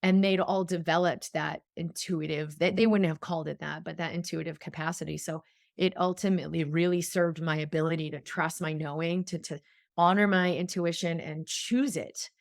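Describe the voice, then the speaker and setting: A middle-aged woman with a fairly low voice speaks as an interview guest, telling stories in an earnest, flowing way. The recording is dry and close. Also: fairly even intonation, normal speed, vocal fry, no echo. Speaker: guest, physician. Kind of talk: conversational interview.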